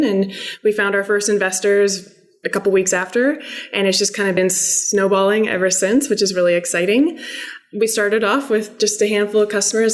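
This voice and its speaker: A woman in her thirties from San Diego, a startup founder answering interview questions in an upbeat, fluent way. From San Diego, California. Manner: upbeat, fluent pitch-like delivery.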